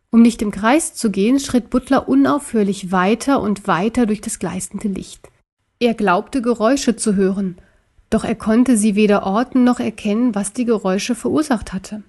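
A woman reading a children's story aloud in a calm, even storytelling manner, sometimes dropping to a soft whisper. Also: mid-range voice. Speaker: story narrator.

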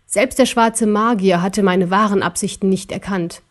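A woman's voice: mid-range voice, natural voice. A woman reading a storybook aloud, voicing an ancient emperor who speaks through a cuddly cat with a hard, cold, mocking voice. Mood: scornful. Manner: slow, mocking, commanding.

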